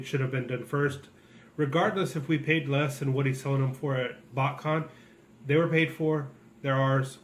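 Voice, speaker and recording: A man with a middle-pitched voice talks casually over faint background noise. He is opinionated and explains his complaint point by point, in the manner of a co-host. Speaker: co-host and toy collector.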